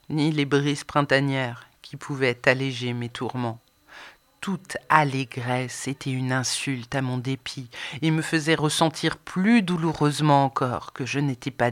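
A woman narrating an audiobook in the first person, expressive, swinging between soft and emphatic delivery. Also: very deep voice, unhurried. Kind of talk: scripted narration.

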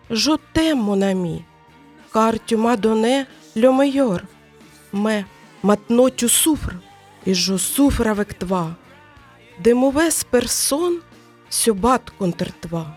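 Ukrainian woman, French learner, reads her own text slowly and earnestly, fairly high voice. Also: darkish tone. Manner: careful, earnest reading. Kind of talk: reading a personal text aloud.

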